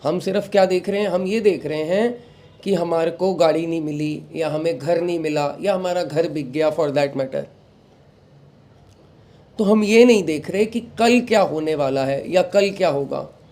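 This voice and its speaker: A young man hosting a satsang offers calm, devotional advice to his followers, mixing in English phrases as he speaks. His voice is a little high and unhurried, and he is recovering from a sore throat.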